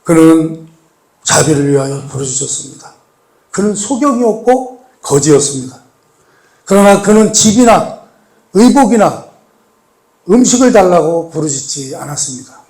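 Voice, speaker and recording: A man preaching a sermon as pastor. He asks the congregation questions, repeats key words, and moves between raised, emphatic lines and soft, hushed pleading. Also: fairly high pitch, very animated, moderate pace, long pauses. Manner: addresses the congregation with rhetorical questions and repetition.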